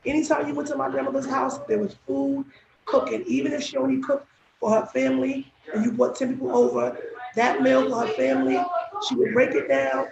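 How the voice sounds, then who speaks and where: This woman talks a little fast in a steady, gravelly voice that sits high, her braces slightly getting in the way of her words. She's casually chatting on a live stream as a restaurant owner and guest, and the stream sounds dull and echoey with crowd chatter behind her.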